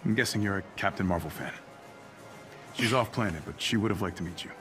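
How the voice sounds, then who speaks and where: An actor with an American accent playing a kind, steady soldier superhero in a video game, measured and reassuring. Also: male voice, lowish voice, soft background music, close to an everyday voice. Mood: kindly. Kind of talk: cinematic video game acting.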